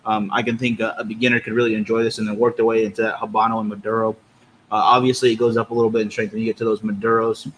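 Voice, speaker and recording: A man's voice: on the low side, level tone, very fast, a bit bright, poor audio. Man chatting casually over noticeable background noise. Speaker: podcast co-host. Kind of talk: casual cigar review chat.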